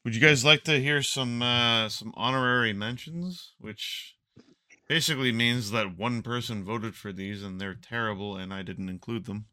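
A man hosting a podcast, talking in casual, profane, animated chat. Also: mid-range voice, moderate pace. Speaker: podcast host.

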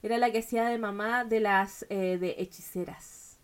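Young Chilean woman co-host, mid-pitch voice, chatty and teasing. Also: fairly even intonation, moderate pace, clear, resonant tone. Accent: Chilean Spanish. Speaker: podcast co-host. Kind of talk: casual chat.

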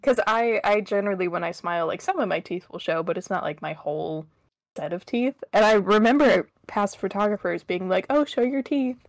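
Woman with a gravelly, creaky voice. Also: medium pitch, a little fast, no room sound, poor audio. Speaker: podcast co-host. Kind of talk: casual chat.

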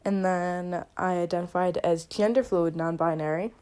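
A woman's voice: on the low side, fairly even intonation, normal speed, mellow, clear, resonant tone. A young woman hosting a casual solo podcast, talking in a chatty, rambling way and saying "like" a lot. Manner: chatty, rambling, heavy use of "like". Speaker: podcast host.

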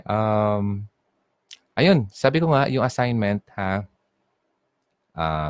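A man's voice: on the low side, darkish tone, dry recording. A young Filipino man with a Bicolano accent hosting a casual call-in radio show, chatting in mixed Tagalog and English and reading out listener messages. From Bicol, Philippines. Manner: chatty Taglish code-switching, reads listener messages. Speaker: online radio DJ.

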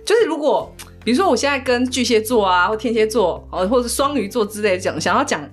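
Lively, fast-talking woman host. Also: on the high side, soft background music. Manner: chatty, gives examples from her friends. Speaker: podcast host. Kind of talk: casual chat.

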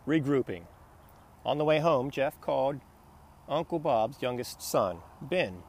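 A man narrating a business novel in a steady, plain storytelling voice. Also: medium pitch, measured pace, breathy edge. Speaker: audiobook narrator. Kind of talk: scripted narration.

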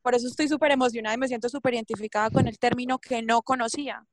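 A woman speaks with eager, animated enthusiasm in a casual radio chat. Her voice is high, and the sound is dry and close, with no room around it. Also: very fast, no room sound.

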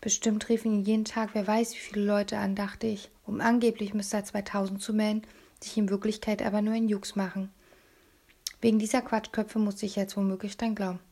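A woman reading a first-person audiobook in a hushed, confiding manner, often dropping to a half-whisper. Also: mid-range voice, flat delivery, brisk. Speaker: audiobook reader.

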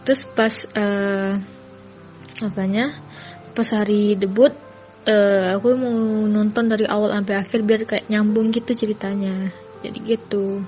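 A woman's voice: mid-range voice, fairly even intonation, a little slow, pauses often, darkish tone, soft background music. Rambling young woman fan, lo-fi clip. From Padang. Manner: rambling, casual, many fillers. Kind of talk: recorded fan testimony.

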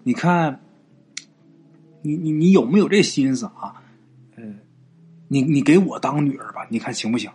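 A man's voice: medium pitch, moderate pace, pauses often, darkish tone, breathy edge, lightly acted. A male storyteller voicing a doting middle-aged wife who stammers when unsure and snaps when her family is doubted. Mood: tender, hesitant.

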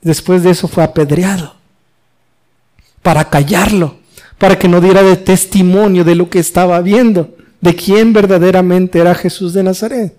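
A man's voice: high-pitched, fairly even intonation, normal speed, darkish tone. A male pastor preaching an expository sermon, reading scripture aloud and explaining it with emphatic, rising delivery. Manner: reads scripture then explains it, rising emphatically on quoted questions.

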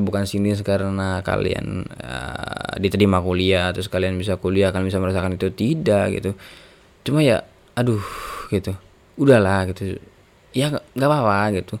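A man's voice: fairly low pitch, gravelly, a little mellow. A nineteen-year-old man talking in a rambling, casual monologue, with many fillers. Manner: rambling, many fillers like gitu, sighs ya Allah.

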